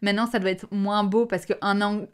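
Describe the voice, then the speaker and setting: A woman's voice: medium pitch, steady tone, fairly quick, clear, resonant tone. A young Belgian woman co-hosting a podcast in casual chat, with a Belgian French accent, often hesitating and restarting with fillers. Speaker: podcast co-host.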